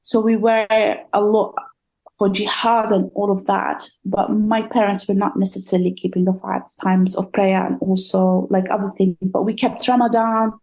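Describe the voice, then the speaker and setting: A woman raised in the Gulf in a Palestinian family, whose first language is Arabic, shares her faith story as a podcast guest in a personal testimony interview. She is earnest and reflective, with some hesitations. Her medium-pitched voice is level, darkish, and at a normal speed, and the recording is rough.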